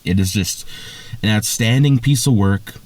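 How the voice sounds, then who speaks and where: Enthusiastic man with a lowish voice. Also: unhurried, darkish tone. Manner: enthusiastic, gushing praise with many fillers and restarts. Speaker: music reviewer. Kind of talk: casual spoken album review.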